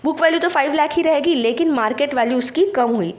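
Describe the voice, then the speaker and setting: A woman's voice: high voice, quick pace. A woman teaching an exam-prep lecture, explaining step by step and checking in with students, mixing English terms into her Hindi. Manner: patient, checks understanding with frequent "theek hai".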